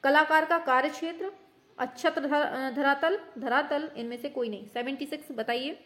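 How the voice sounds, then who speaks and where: A woman teacher running a quick quiz lesson, brisk and teasing, scolding her students in mock anger as if they were children. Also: high-pitched, steady tone, fairly bright tone. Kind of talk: online exam-prep quiz lesson.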